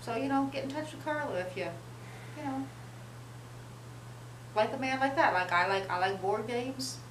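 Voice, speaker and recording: Brief: man voicing a high-pitched, lonely, penny-pinching man in his fifties, earnest and rambling, recorded roomy and far off. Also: moderate pace, fairly bright tone. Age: middle-aged. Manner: earnest, rambling, repeats himself. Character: lonely thrifty middle-aged man, awkward and earnest. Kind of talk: comedy sketch. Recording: roomy, distant mic, faint hiss.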